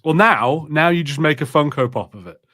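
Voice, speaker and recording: On a film watch-party podcast, a male co-host jokes around casually and swears now and then. He talks a little fast in a slightly high, expressive voice with a fairly bright tone, recorded cleanly in a studio with no room sound.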